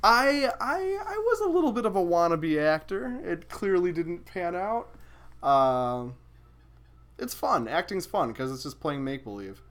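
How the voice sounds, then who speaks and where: A man's voice: high voice, sing-song, measured pace, fairly bright tone. A young man casually chatting with viewers while streaming a video game, swearing and exclaiming as he plays.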